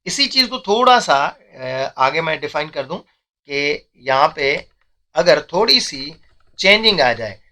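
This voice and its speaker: Young male math teacher, bright tone, patient step-by-step lesson. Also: a little high, very animated, takes it slowly. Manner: explains step by step, often says "theek hai".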